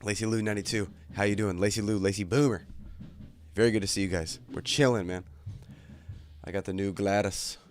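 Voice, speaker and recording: A young man on the low side of pitch, fairly even in intonation and fairly quick, hosts a casual livestream from his bedroom. His chat is relaxed, crude and jokey, a bit congested from a cold, with slight background noise.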